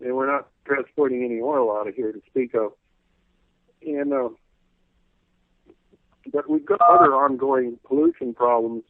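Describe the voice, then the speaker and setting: A man calling in as a radio guest, rambling folksily with lots of "you know," clearing his throat as his voice wears out. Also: mid-range voice, a little slow, long pauses, no echo. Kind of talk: casual call-in radio interview. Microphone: telephone. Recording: tinny phone line.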